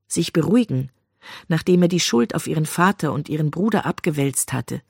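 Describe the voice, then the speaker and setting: Gravelly-voiced audiobook narrator. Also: medium pitch, lively intonation, brisk, no room sound, studio quality. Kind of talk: scripted narration of a novel.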